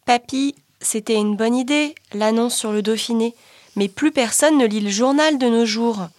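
A man's voice: very high voice, normal speed, dry recording, pitched above the performer's own voice. A man voicing a cheerful, helpful young girl, the granddaughter in a read-aloud story, sounding upbeat and reassuring.

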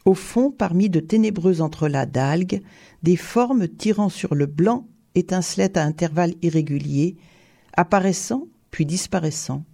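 A measured audiobook narrator telling a tale at an even pace. The voice has a gravelly grain and a mellow, dark tone, at a middle pitch. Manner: measured storytelling.

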